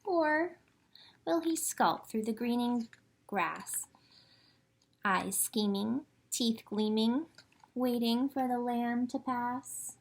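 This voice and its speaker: A woman runs a children's storytime at the library, reading and chatting with the kids in simple, expressive phrases and talking to them directly. Her voice sits a little high, with vocal fry, and she speaks slowly.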